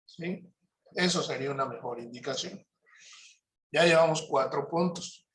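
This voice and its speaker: Calm and measured, a man with a slightly high voice presents a parenting workshop, explaining his points and frequently checking in with his listeners.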